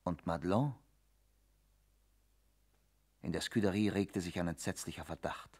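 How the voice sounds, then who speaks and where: Low-voiced male literary narrator. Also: measured pace, slightly rough. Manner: formal, expressive, suspenseful.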